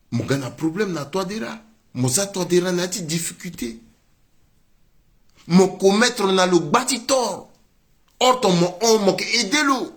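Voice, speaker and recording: A man delivers a political commentary monologue that blends French and Sango. His exclamatory outbursts drop away into low muttering.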